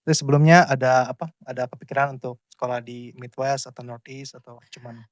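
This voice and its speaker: A man's voice: medium pitch, fairly even intonation, fairly quick, dry recording, studio quality. A man hosting an Indonesian podcast, interviewing a guest casually with many filler hums and English words mixed into his Indonesian. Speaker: podcast host.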